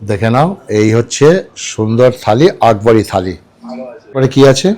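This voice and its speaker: A man's voice: lowish voice, normal speed, darkish tone. A man chatting casually at a restaurant table as a food vlogger, repeating dish names and checking in with viewers. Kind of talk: casual food vlog chat.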